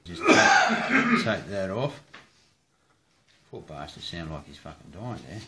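In a noisy home kitchen, an Australian hobbyist rod builder rambles slowly through a casual how-to video, joking and swearing freely as he demonstrates his craft. His voice sits low but swoops wildly in pitch.

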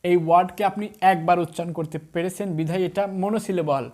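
Tutor doing an english grammar video, spells each word out letter by letter, repeats stuff, keeps asking viewers questions, middle pitch. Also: steady tone, fast, a little mellow.

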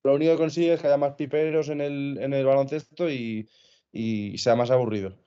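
A man's voice: medium pitch, fairly even intonation, fairly quick, warm tone, clean tone. A man on a sports panel, arguing heatedly and swearing freely. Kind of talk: casual sports talk show. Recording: dull lo-fi video call audio.

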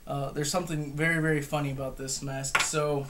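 A young man with a fairly high, slightly bright voice speaks quickly and flatly as he gives an unscripted gear review at home. He sounds casual, hesitant and matter-of-fact, captured by a camera across the table in an indoor room. The home recording is clearly noisy, with clicks.

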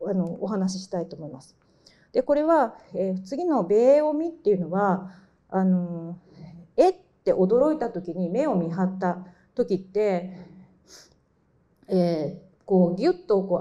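A middle-aged woman giving a mock university lecture to high school students, explaining step by step with many fillers and self-corrections. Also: warm tone. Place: lecture hall. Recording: dull lo-fi lecture recording.

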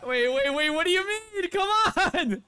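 A young man hosting an anime reaction video, talking casually with slang and swinging between loud outbursts and low muttered asides into a studio mic. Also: lively intonation, a little slow. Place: small bright indoor room. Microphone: large studio mic on a boom arm.

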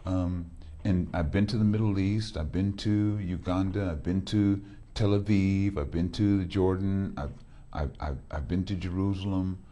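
This middle-aged Los Angeles, California pastor and talk show host conducts a TV studio interview in front of a backdrop, rambling and repeating himself often. His low, mellow voice stays steady and measured in pace.

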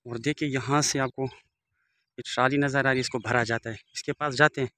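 A man in his forties, walking outdoors through open riverbed countryside, narrates a village vlog into the phone camera he holds. His mid-range voice is fairly even, a little fast, pushed and bright, and his walking-tour commentary is formal and devout, laced with Arabic blessings.

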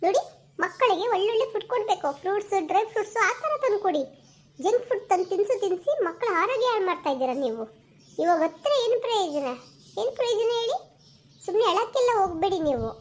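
A woman acting as a brisk female doctor at a small village clinic, urgent and repetitive as she pushes her point. Her voice sits very high and moves fast, and she keeps circling back to the same instruction in this homemade skit. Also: lively intonation. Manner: urgent, insistent, repeats instructions.

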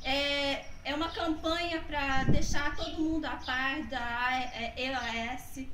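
High-pitched young Brazilian woman, far from mic. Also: fairly even intonation, slow pace. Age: young adult. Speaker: ice bucket challenge participant. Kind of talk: casual talk to camera. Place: tiled covered porch outdoors. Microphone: camera a few metres away. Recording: distant mic, echoey, clear background noise.

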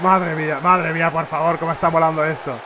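A man with a Spain Spanish accent giving excitable live commentary over a wrestling video game, reacting with shouts. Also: on the high side, fast talker. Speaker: gamer. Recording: loud game crowd and noise behind. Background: wrestling game crowd noise.

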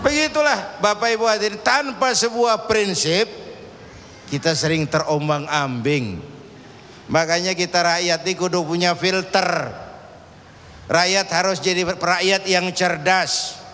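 A man's voice: high-pitched, bright, forceful tone. A man preaching a sermon to a congregation in a casual way, telling stories and acting out their voices. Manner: storytelling, acting out voices in a parable. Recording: reverberant hall, faint ambient noise.

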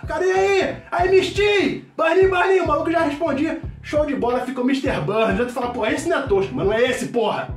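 A brash, loud middle-aged mechanic from a comedy sketch, played by a man, who shouts almost every phrase in a very high, strained voice, full of swearing and slang. Carioca accent, rambling speech. Recorded in an echoey room with the mic at a distance and faint music behind. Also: fairly quick, few pauses. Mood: boisterous.

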